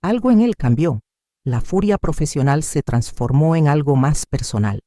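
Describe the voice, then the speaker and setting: An older woman narrating a dramatic first-person story in an expressive way. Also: deep voice, moderate pace, dry recording, clean studio sound.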